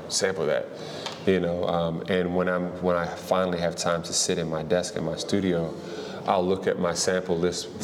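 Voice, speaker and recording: A man from the Washington, D.C. area, a hip-hop artist answering interview questions in a relaxed way, thinking aloud with fillers. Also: low voice. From Washington, D.C. area, USA. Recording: long reverb, faint noise.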